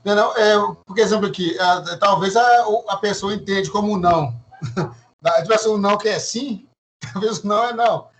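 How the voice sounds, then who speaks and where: Hesitant high-voiced male student. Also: low-quality recording. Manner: hesitant, halting with restarts and nervous laughs. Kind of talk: classroom question.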